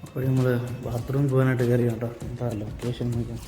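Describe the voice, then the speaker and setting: Kerala malayali guy vlogging, talks fast, drops english words in, loud music over it. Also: medium pitch, flat delivery. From Kerala, India. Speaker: solo travel vlogger and driver. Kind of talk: casual vlog chat to viewers. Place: mostly inside a car on the road. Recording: loud music over in-car vlog audio.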